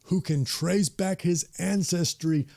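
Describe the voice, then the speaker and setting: A man with a Southern US accent, from the Deep South, giving a measured, scripted personal commentary. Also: gravelly, dark tone. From Deep South, USA. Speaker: video essayist.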